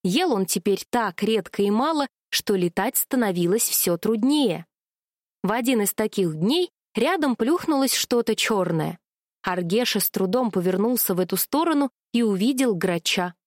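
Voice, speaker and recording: A woman reading a children's story aloud with gentle, expressive narration. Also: medium pitch, normal speed, no room sound, clean studio sound.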